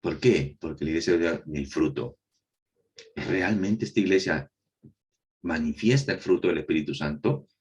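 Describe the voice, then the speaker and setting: A man's voice: low-pitched, moderate pace, darkish tone. A man teaching a recorded Bible lesson, asking rhetorical questions and answering them himself, repeating key phrases for emphasis.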